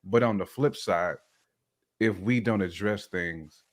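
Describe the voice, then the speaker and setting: This co-host, a man with a Southern American accent, speaks slowly in a lowish voice. He talks through his views conversationally during a casual chat, frequently adding "you know what I'm saying."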